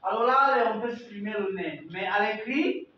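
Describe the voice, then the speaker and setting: High-voiced man teaching in an echoey classroom. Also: slight background noise. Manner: repeats phrases and examples slowly for learners. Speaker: French teacher. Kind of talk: classroom language lesson. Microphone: far from the mic. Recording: echoey classroom from far off, dull lo-fi sound.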